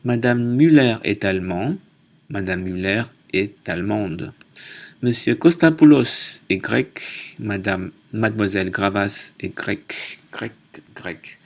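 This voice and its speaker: A man teaching a French lesson, slowly reading word pairs aloud, spelling out endings and correcting himself. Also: lowish voice. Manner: deliberate, spells out and repeats words; self-corrects mid-list. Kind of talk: slow, careful language lesson.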